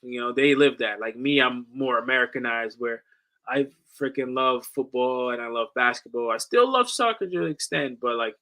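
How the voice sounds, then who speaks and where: Talking sports casually on his watch-along stream, a man in his late twenties packs in slang, swearing, and plenty of "bro." He moved from the Netherlands to the US at ten, and his mid-range voice sounds pushed and bright at a normal speed.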